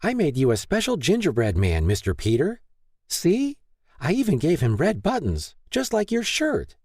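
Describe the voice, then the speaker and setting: Noelle: man voicing a squeaky, eager little girl for an audiobook, dry studio read. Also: moderate pace, husky, dry recording, full character voice. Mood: excited. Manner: high chirpy excited girl voice.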